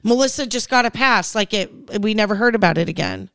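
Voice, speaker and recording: A woman's voice: mid-range voice, expressive, fast, a bit bright, clear, resonant tone, no room sound. A woman hosting a casual reality-show recap podcast, chatting in a gossipy, rambling way. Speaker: podcast host.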